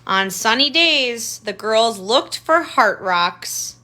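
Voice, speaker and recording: Her voice is a little high, bright and forceful, animated yet slow. She's a tutor sharing a picture book with kids, adding easy explanations and drawing attention to things with questions and comments.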